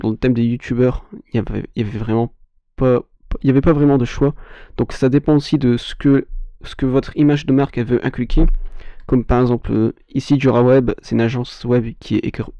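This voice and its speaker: Mellow-voiced French man teaching web design. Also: mid-range voice, no room sound. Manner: meandering, many restarts and fillers. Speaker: web agency owner explaining web design. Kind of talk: casual screen-share tutorial. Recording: dull, slightly lo-fi dry recording.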